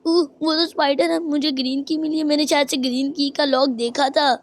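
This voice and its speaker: A woman's voice: high-pitched, fairly even intonation, normal speed. Shinchan, a cheeky cartoon boy, voiced by a woman. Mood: cocky. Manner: drawls a long "ooh" before lines, teasing and boastful. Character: cheeky cocky little cartoon boy, jokester. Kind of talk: voicing cartoon characters over gameplay.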